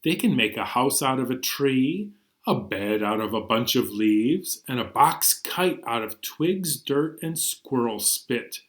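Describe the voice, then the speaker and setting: Reading and singing for young children, a librarian storytime host speaks slowly in a mid-range voice with lively intonation and a fairly bright tone. His animated stories and songs are playful and expressive, punctuated by sudden emphasis.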